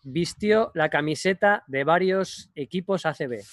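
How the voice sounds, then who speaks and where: A man in his thirties from the Madrid region, teasing his co-hosts while slowly reading quiz clues on a video call. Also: a little high, fairly bright tone, no room sound, studio quality. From Madrid region, Spain. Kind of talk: casual video-call chat. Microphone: video call with earphones.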